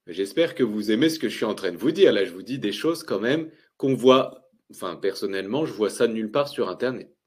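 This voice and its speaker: A man explaining market indicators to viewers, with lively, emphatic delivery and rhetorical questions. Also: fairly low pitch, fairly quick, husky. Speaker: finance educator.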